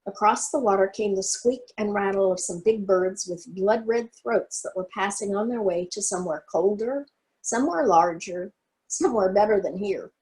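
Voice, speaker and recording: Woman, story reader, steady even delivery, mid pitch. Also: moderate pace, poor audio. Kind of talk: reading a story aloud.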